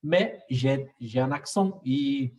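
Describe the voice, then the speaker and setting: A man with a Latin accent who learned the language as an adult, talking in a halting, casual way with many fillers. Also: medium pitch, expressive, darkish tone. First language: Spanish or another Latin language. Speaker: student and conversation partner. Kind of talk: casual conversation. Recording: voice a bit far from the mic.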